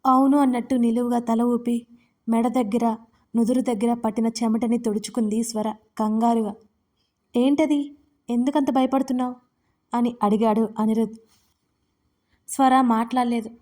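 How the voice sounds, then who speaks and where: A woman narrating a romance audio story with steady, expressive reading. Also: a little high, normal speed.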